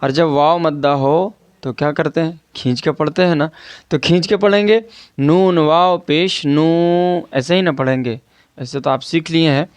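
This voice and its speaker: A man teaches Quran reading online, speaking in a smooth, resonant, slightly high voice. He drills each syllable slowly and poses rhetorical questions to his students. The sound is close and dry, with no room echo. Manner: patient, repeats and stretches out syllables for drilling.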